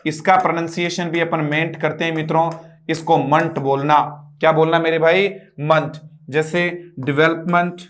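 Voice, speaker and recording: A man whose voice is on the high side and a bit bright gives an online English lecture. Spelling words letter by letter, he asks students to repeat after him, repeats words often, and quizzes listeners with rhetorical questions.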